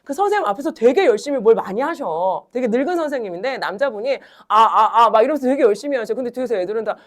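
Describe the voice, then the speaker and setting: A middle-aged woman teaching a high school Korean class, chatty and animated, telling a story and acting out her students' grumbles before going back to the lesson. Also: very fast.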